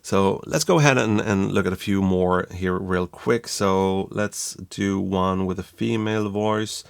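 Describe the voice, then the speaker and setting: A man from Sweden, reviewing software in a chatty, self-deprecating tutorial style. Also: deep voice, measured pace, vocal fry, clean tone, no echo, studio quality. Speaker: YouTube reviewer. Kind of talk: casual tutorial talk.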